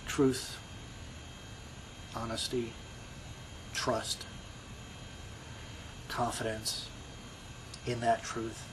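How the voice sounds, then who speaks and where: This middle-aged vlogger with a Brooklyn accent talks very slowly in a mid-range, flat voice, pausing often. His casual personal monologue is rambling and reflective, packed with you-knows and restarts, against a noisy background.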